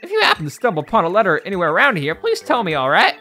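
A woman's voice: mid-range voice, wildly swooping pitch, racing, pushed and bright, faint music behind, pitched above the performer's own voice, full character voice. A woman voicing a fussy, apologetic male turtle mail carrier in a put-on Southern US accent. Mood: flustered. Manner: apologetic, chatty, flustered.

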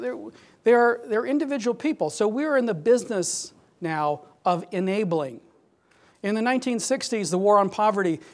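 A man moderating a fundraising meeting, talking energetically and with emphasis to a room. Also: high-pitched. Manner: energetic, emphatic, acts out quoted donors. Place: large meeting room at a club.

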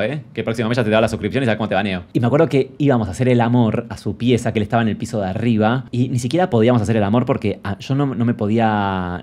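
Argentine guy on stream, campy and crude, talks super fast, reading viewers' stories. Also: mid-range voice. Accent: Argentine Spanish. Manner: campy, playful, crude humor. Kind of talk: livestream storytelling, reading viewer anecdotes.

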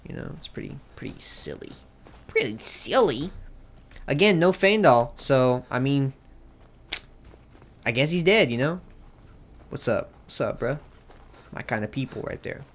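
A man's voice: mid-range voice, very animated, moderate pace, pauses often. A young man hosting a let's play, giving casual, joking gameplay commentary full of slang. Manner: joking, slangy, talks to himself.

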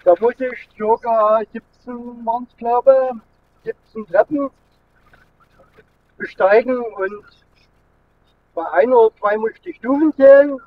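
A middle-aged male vlogger with a high-pitched voice chats casually while driving, speaking at a measured pace with frequent pauses. He's recorded by a camera mounted inside the moving car, where the air conditioning is running. The sound is thin and phone-like, with road noise underneath.

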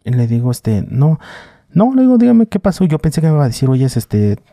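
A man's voice: mid-range voice, brisk, dry recording, studio quality. A man with a Mexican accent, a podcast guest, recounting a personal story in casual slang and acting out the others' lines. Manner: animated retelling with slang and voices for others.

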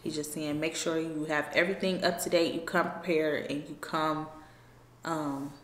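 A woman's voice: low voice, little pitch movement, normal speed, reverberant. A young woman hosting a casual interview, reading out viewer questions in a chatty, slangy way. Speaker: host. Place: lounge room indoors.

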